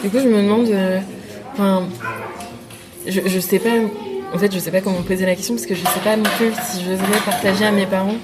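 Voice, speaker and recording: A woman's voice: medium pitch, steady tone, brisk. A woman hosting a podcast interview, searching for her words and using many fillers. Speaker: podcast host. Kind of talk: casual interview.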